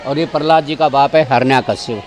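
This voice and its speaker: A man's voice: mid-range voice, a little fast, some chatter behind. A man giving a guided tour of temple grounds outdoors, directive as he keeps pointing things out to his visitors.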